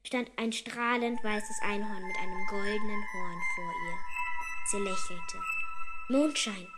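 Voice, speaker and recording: A woman reading a children's story aloud in a plain, unhurried way with small slips. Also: medium pitch, steady tone, over loud music, poor audio.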